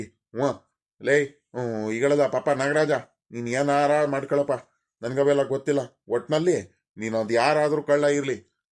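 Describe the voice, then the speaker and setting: A man's voice: on the high side, close to an everyday voice. A man voicing a scolding village father. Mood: fretful. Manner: scolding, grumbling, repeats himself. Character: angry worried father, village landowner, middle-aged man. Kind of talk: cartoon voice acting.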